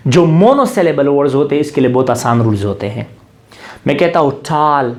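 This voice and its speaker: A man teaches a grammar lesson with a lively pitch that swings up and down. He keeps quizzing his listeners and answering himself. He switches between his own language and English phrases as he explains. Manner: asks the class questions and answers them himself, slips into English phrases. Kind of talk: classroom-style grammar lecture.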